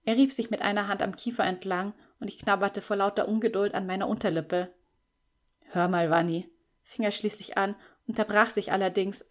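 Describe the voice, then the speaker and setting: A woman reading a first-person novel as an audiobook narrator, expressive and lively. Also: medium pitch.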